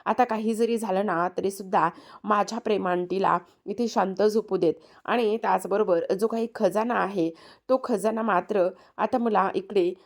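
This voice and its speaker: A woman's voice: medium pitch, fairly even intonation, moderate pace, close to an everyday voice. A woman voicing a greedy, sneaky young man who turns to pleading when caught, read inside a recap. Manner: read as quoted lines within a narrated recap.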